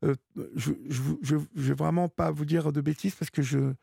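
A man hosting a late-night radio phone-in, his voice heavily gravelly and husky. He talks in a hesitant, encouraging way, full of fillers and restarts. The studio sound is dry and close. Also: a little high, fairly even intonation, normal speed, dark tone, dry recording. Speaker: radio host. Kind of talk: late-night call-in chat.

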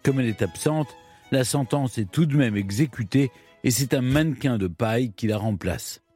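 A man telling a history story in measured, scripted narration with dramatic pauses. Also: mid-range voice, a little mellow, husky, faint music behind.

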